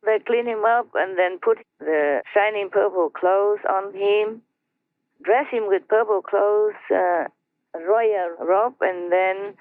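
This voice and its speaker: A woman slowly telling a story to her team over a conference line, chatty and laughing between phrases. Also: mid-range voice, no room sound. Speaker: spiritual teacher telling a story. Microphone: phone or conference line. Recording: tinny dry phone line.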